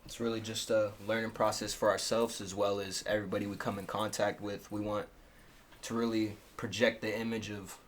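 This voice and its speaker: A young rapper in his twenties speaks with a thoughtful, easygoing manner, his voice sitting slightly low. He talks in plain, conversational sentences. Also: level tone, brisk. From Salt Lake City. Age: 20s. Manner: thoughtful, finishes others' sentences. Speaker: rapper, interviewee. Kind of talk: casual chat.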